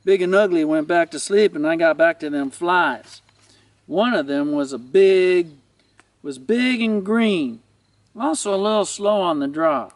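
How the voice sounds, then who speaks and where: A man, a teacher, reading a children's book aloud with expressive storytelling. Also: high-pitched, unhurried, no room sound, recorded from a distance.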